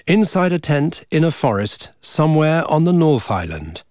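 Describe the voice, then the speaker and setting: A man narrating a scripted adventure race story in a dramatic, animated way. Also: a little high, normal speed, no room sound, clean studio sound.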